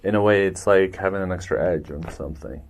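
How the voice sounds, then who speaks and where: Very deep-voiced agreeable podcast host. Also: male voice, fast talker, creaky. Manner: agreeable, backs the guest with frequent "yeah" and "exactly". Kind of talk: casual conversational interview.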